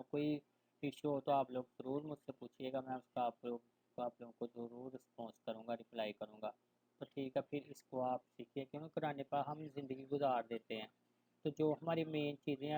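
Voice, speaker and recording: A man giving an online Quran reading lesson. He recites verses slowly and loudly, then explains softly and conversationally, mixing in English words. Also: medium pitch, low-quality recording. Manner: mixes English words into his speech. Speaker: Quran teacher.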